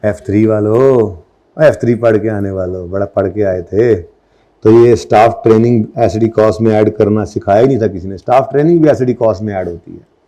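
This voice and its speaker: Mellow-voiced accountancy lecturer. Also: male voice, lowish voice, fairly quick. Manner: mixes English terms into Urdu speech, scolding, asks checking questions. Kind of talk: classroom lecture. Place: classroom.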